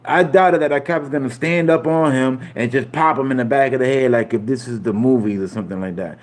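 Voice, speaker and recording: A fast-talking Puerto Rican man with a medium-pitched voice chats loosely with his live stream audience. He rambles casually in street slang, repeating himself and adding "you feel me" here and there.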